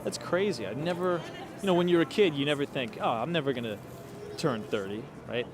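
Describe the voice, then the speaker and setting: Slightly high and a bit fast, with lively intonation, this chatty man in his late twenties livestreams while walking outdoors on a cold night in the city. He muses aloud, using fillers and tossing asides to viewers, with traffic and street sounds around him.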